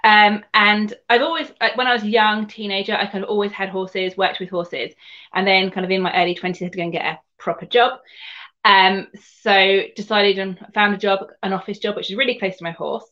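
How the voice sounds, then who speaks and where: A woman's voice: medium pitch, flat delivery, a little fast, bright, forceful tone, lo-fi sound. A woman from Surrey with a southern English home counties accent, telling her story conversationally as an interview guest, rambling and rephrasing as she goes. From Surrey, England. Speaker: guest, equine sports massage therapist.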